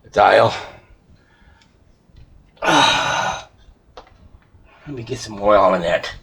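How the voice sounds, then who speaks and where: The hobbyist repairer here speaks very slowly in a fairly low, animated voice with a bit of brightness, thinking aloud and muttering a casual, rambling commentary while he works. He is in an indoor workshop, and the recording clearly picks up background noise plus clicks of handling.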